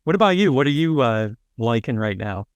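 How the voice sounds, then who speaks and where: A man hosting a podcast reads a polished, scripted intro, then chats loosely with a guest, full of fillers and restarts. His medium-pitched voice is sing-song and brisk, in a dry recording.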